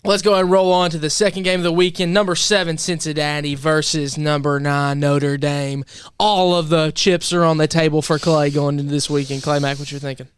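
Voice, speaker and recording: Male sports show host, emphatic pick-maker, slightly high and clean voice, dry close sound. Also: brisk, clear, resonant tone, dry recording. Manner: emphatic, animated picks. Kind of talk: casual sports talk, making picks.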